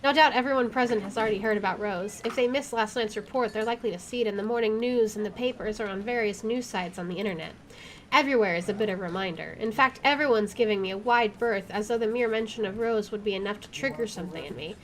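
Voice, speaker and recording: This let's player talks fast in a mid-range voice. She narrates her playthrough, reading in-game text aloud and cracking jokes in a playful manner.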